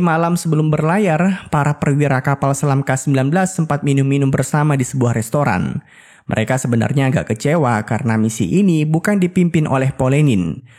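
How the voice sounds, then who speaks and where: A man's voice: mid-range voice, darkish tone. A man narrating a film's plot as scripted storytelling with casual asides. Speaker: film recap narrator.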